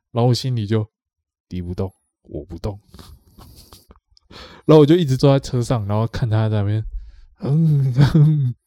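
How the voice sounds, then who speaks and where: A podcast co-host with a Taiwanese Mandarin accent tells a rambling story in casual chat, repeating himself and acting out what others said. His mid-range voice is mellow, and the studio-quality recording has no room sound.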